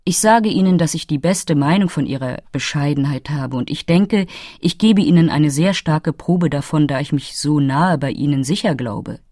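Low-voiced coy fairy lady for a storybook, roundabout and teasing, read by a woman, dry recording. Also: moderate pace, dark tone, no echo. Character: flirtatious, coy female fairy, tipsy. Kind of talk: audiobook reading.

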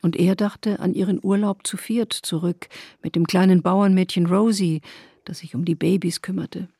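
Female reader, calm measured storytelling, husky and low, dry recording. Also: dry recording. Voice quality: creaky, husky. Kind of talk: reading a short story aloud.

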